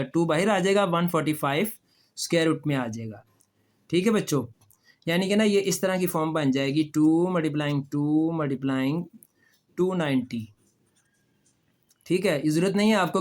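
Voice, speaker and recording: A man teaching a math lesson step by step, patiently asking questions and answering them himself. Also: fairly high pitch. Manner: patient, addresses students as children, repeats questions and answers them. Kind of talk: step-by-step classroom lecture.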